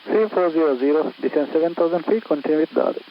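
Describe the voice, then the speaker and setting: A man's voice: fairly high pitch, steady tone, fast talker, crowd noise. A male air traffic controller giving terse instructions in clipped phraseology over an aviation radio, like a helmet radio. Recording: dull lo-fi radio with faint hiss.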